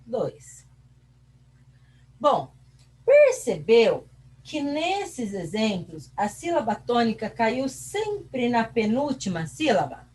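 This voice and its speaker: In a recorded class, a Brazilian woman teacher explains a lesson in Brazilian Portuguese-accented speech, posing her own questions and answering them as she stretches out syllables. Her voice is fairly high and slightly rough, with a darkish tone.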